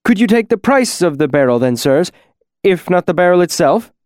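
A man's voice: high voice, big pitch swings, normal speed, darkish tone, no echo, clean studio sound, pitched above the performer's own voice. A man voicing a bald, nervous male tavern owner who stammers, pleads and hurries his words in a storybook reading. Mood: nervous pleading.

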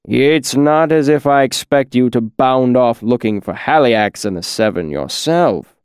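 An old storyteller, as a male narrator puts him on, calm and quietly mocking, letting his words roll out slow and rich. His delivery is unhurried and sly. The recording is dry and close. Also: mid-range voice, smooth, dry recording, close to an everyday voice. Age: older.

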